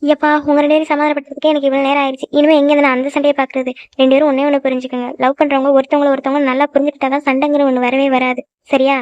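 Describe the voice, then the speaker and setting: Rapid-fire, high cartoon young woman voiced by a woman. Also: little pitch movement, darkish tone, faint music behind, close to an everyday voice. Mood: earnest. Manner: scolding, lecturing, then frightened. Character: young woman, hot-tempered friend turned peacemaker. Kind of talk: cartoon voice acting. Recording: dull lo-fi dry recording.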